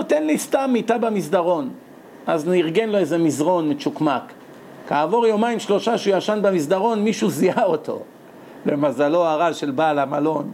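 A man giving a sermon, telling stories and acting out the characters in excited voices, with frequent laughter. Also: on the high side, slight background noise. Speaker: rabbi giving a Torah lecture. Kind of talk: lively sermon with storytelling.

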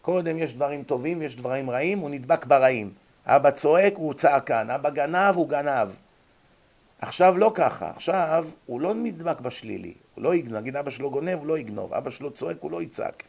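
A man's voice: on the high side, lively intonation, vocal fry, few pauses, a little mellow. A man lecturing on psychology to an audience, explaining with examples and rhetorical questions.

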